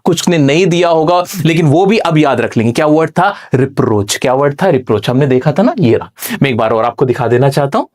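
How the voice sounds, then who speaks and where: A man teaching a lesson, reading English lines slowly and then explaining them with constant rhetorical questions to his students. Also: fairly high pitch, animated, darkish tone. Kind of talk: classroom-style lesson explanation.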